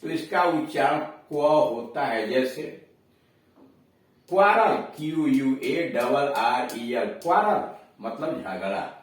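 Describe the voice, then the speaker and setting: Slow, lively-pitched teacher in an echoey room. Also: male voice, far from the mic. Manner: explains slowly, repeats each rule, spells words out letter by letter; checks understanding with quick questions. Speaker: English grammar teacher. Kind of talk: classroom lesson. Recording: echoey room, voice from away from the mic.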